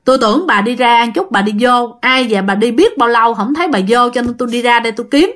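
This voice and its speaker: A woman voicing an older husband who scolds forcefully. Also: a little high, fast talker, close to an everyday voice. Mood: worried.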